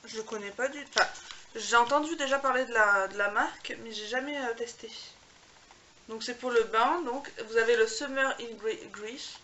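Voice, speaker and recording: A woman's voice: on the high side, normal speed, sharp tone, muffled recording. Gushing woman vlogger, noisy home recording. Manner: gushing, chatty, filler-heavy. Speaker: beauty vlogger. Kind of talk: casual unboxing chat to camera.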